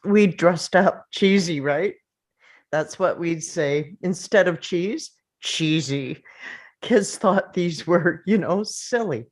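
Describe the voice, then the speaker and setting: In a drama table read, a woman voices a bereaved mother looking back with nostalgia. Her fairly low voice is halting and conversational yet composed, with a wistful mood.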